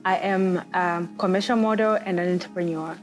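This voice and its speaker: A woman's voice: fairly low pitch, steady tone, a little fast, soft background music. Earnest young woman from Zambia. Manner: earnest, persuasive. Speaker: panel guest. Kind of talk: casual panel chat.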